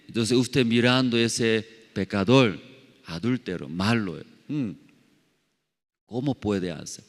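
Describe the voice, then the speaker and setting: A male pastor preaching a sermon in halting, non-native Spanish, throwing many questions at his congregation and padding his phrases with fillers. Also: medium pitch, fairly bright tone. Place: church sanctuary. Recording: long hall reverb.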